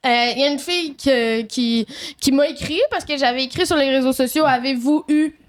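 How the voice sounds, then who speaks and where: A woman's voice: high-pitched, normal speed. A woman comedian with a Quebec French accent, co-hosting a podcast and telling stories in a chatty, laughing way. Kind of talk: casual chat.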